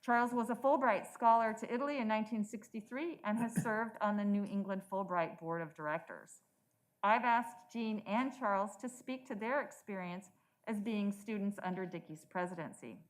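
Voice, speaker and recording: A woman's voice: mid-range voice, normal speed, low-quality recording. A woman speaking through a face mask as a moderator, reading prepared introductions at a formal event.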